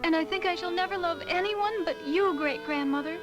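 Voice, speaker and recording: A woman's voice: very high voice, fairly quick, over music. A woman playing a timid, sweet orphan girl in a storybook drama, earnest and plaintive. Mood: fearful, earnest. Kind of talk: dramatized storybook fairy tale.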